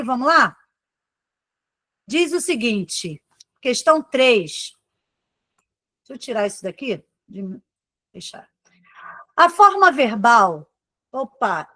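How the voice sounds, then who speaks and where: A woman teacher with a Brazilian Portuguese accent runs a live online exam-prep class in a high, sharp voice with no echo. She is chatty, calls on students by name and often tags her points with "tá?" and "né?".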